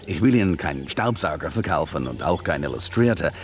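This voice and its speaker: A cynical corporate spy in a radio drama is voiced by an actor with an extremely low, expressive voice, speaking fairly quickly. He sounds mocking and sprinkles English phrases into German.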